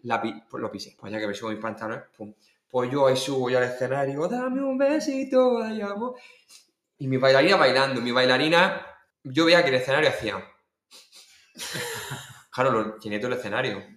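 Animated Spanish man telling anecdotes. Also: medium pitch, a little fast. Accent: Murcian Spanish. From Spain. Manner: animated anecdote-telling, acting out voices with laughs. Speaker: guest singer. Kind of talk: casual storytelling in a podcast interview. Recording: echoey room.

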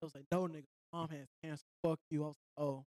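A man's voice: level tone, very fast, a little mellow, no echo. A man co-hosting a podcast in casual joking chat, crude and playful. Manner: crude, jokey, slips into high silly voices. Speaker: podcast co-host.

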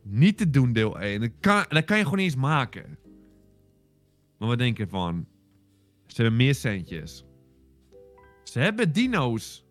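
Excitable man with a lively, swooping voice. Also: medium pitch, unhurried, long pauses, soft background music. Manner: excitable, exaggerated, repeats himself. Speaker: podcast co-host. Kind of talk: casual chat.

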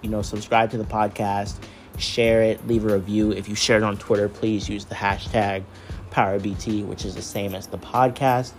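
A man's voice: on the low side, flat delivery, normal speed, faint music behind. A man hosting a story podcast, moving between scripted narration and casual talk as the author.

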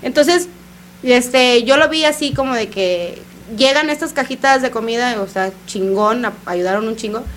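A Mexican woman chatting casually as co-host, her voice sitting fairly high. She talks in slangy, loose phrases and laughs easily. A faint hum runs under the recording. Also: moderate pace, a bit bright. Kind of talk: casual chat.

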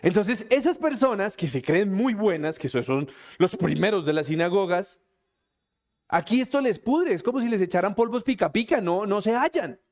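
A man preaches from the pulpit. He keeps it light and teasing, acting out quick everyday scenes in put-on voices. He speaks to a church congregation. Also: sits high, animated. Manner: playful, acts out little scenes in quick quoted voices. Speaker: pastor. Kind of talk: lively sermon.

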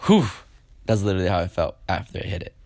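A man's voice: low voice, big pitch swings, quick pace, creaky, darkish tone, dry recording. A young man casually telling a personal story on a podcast, rambling with lots of fillers and acting out what people said. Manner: rambling, with many fillers and acted-out quotes.

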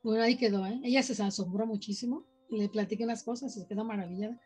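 Woman, Mexican accent, casual storytelling, fairly high voice, breathy, soft music underneath. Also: quick pace. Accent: Mexican Spanish. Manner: animated storyteller acting out quoted voices. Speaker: podcast guest sharing paranormal experiences.

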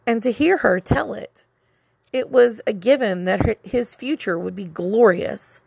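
A woman reads a novel aloud in a steady, measured storytelling voice. Her tone carries a gravelly, creaky texture at a mid pitch. The sound is close and dry, with no room around it. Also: no room sound. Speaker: audiobook narrator. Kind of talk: scripted audiobook narration.

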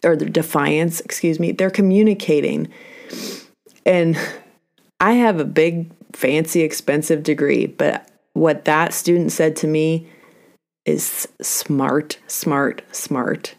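Low-voiced woman telling classroom stories. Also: fairly even intonation, measured pace, vocal fry, darkish tone. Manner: candid, self-deprecating, storytelling with quoted dialogue. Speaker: podcast host, teacher. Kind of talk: solo podcast talk. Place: indoors, talking alone into a mic.

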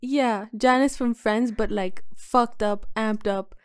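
A woman's voice: on the high side, slow pace, smooth, dry recording, studio quality. A young woman co-hosting a podcast, blunt and teasing in casual chat, swearing and laughing often. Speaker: podcast co-host.

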